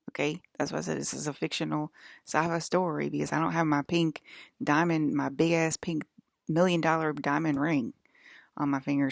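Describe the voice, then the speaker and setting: A woman's voice: low voice, vocal fry, no room sound, clean studio sound. A woman in her forties speaking straight to her viewers in a rambling vlog monologue, defiant and scolding, checking in with them after nearly every point. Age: 40s. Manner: talks to viewers with frequent "okay?" and "right?". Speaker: vlogger. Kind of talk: rambling direct-to-camera monologue.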